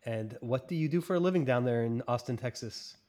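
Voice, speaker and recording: A man's voice: medium pitch, fairly quick, mellow. A man moderating a casual podcast chat, easygoing and joking as he asks friends questions.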